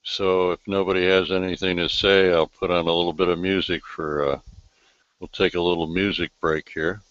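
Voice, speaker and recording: A man hosting a live online talk show over a video call, speaking in a slow, reflective way with many pauses and fillers. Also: low-pitched, flat delivery, fairly bright tone, no room sound, muffled recording. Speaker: host.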